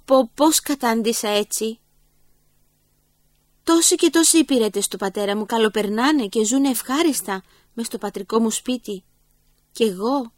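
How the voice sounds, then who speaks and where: A woman's voice: a little high, no echo, studio quality, natural voice. A woman voicing a remorseful, starving young man who pleads and reproaches himself through tears, in a storybook telling. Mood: despairing. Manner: tearful, pleading self-reproach.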